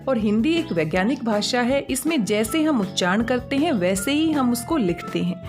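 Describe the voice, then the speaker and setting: A woman's voice: fairly high pitch, lively intonation, normal speed, music in the background. A woman teaching a Hindi spelling lesson, patiently explaining words and spelling them out sound by sound.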